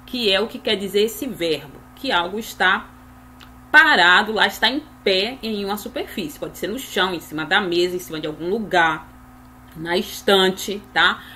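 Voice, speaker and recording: A woman explaining German grammar tables, ending each point with a quick tag question. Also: mid-range voice, animated, sharp tone, a little hiss or hum. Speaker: German teacher.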